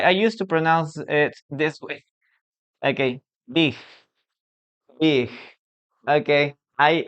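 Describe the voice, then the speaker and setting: Slow, patient man teaching English. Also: mid-range voice, smooth. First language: Spanish. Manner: patient, repetitive, checks understanding with frequent "okay?". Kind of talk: live online English lesson. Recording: dull lo-fi stream audio.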